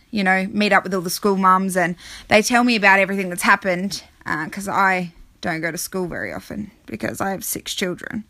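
A woman in her thirties, a mother of six, rambling through a fast, self-mocking comedic monologue. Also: mid-range voice, pushed and bright, dry recording.

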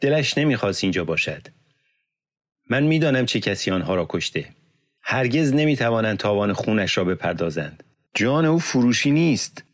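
A man's voice: fairly low pitch, very animated. A man reading an audiobook, voicing a grieving widowed woman who cries out in defiant, raised pleas. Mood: defiant grief.

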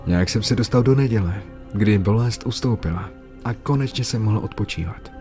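A man's voice: on the low side, a little mellow. A man narrating a scripted horror story, occasionally raising his voice for the characters' lines. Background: faint music.

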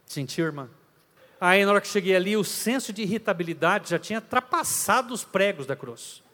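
A man preaching a story-driven sermon in a dramatic, animated manner, rising at times to shouts. His voice is high for a man. A long hall reverb trails every phrase. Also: a little fast.

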